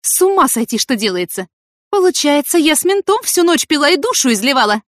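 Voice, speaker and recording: A woman's voice: high voice, sing-song, fairly quick, a bit bright, no echo, studio quality, pitched above the performer's own voice. A woman voicing a pragmatic, blunt female farm worker who grumbles. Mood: grumbling. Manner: grumbling, practical.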